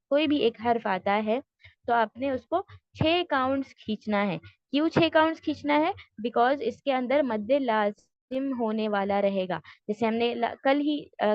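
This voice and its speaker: Woman teacher, high voice, patient and methodical delivery, dry muffled lo-fi audio. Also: no echo. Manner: patient, explains step by step, mixes English terms. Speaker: Tajweed teacher. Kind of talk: online class lecture.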